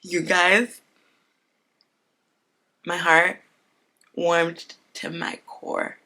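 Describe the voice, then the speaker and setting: In unscripted casual chat, a woman in her twenties who hosts a podcast recounts her week earnestly and chattily, peppering it with "like." She speaks very slowly in a fairly low, level voice that sounds pushed and bright.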